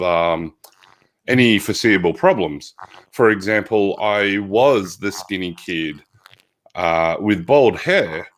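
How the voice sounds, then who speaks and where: A low-pitched Australian man, a physical therapist appearing as a guest in a conversational interview, tells stories loudly and reflectively. He often restarts his sentences.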